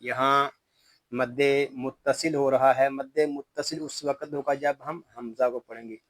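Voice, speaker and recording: A man teaching Quran recitation, spelling each word slowly letter by letter, explaining the tajweed rules, and then reciting the verses melodically. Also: mid-range voice, flat delivery, fairly bright tone, low-quality recording.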